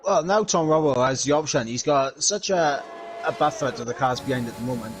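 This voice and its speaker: Co-commentator guy, mid pitch, pausey race analysis, music going behind him. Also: expressive. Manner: measured analysis with many "uh" pauses.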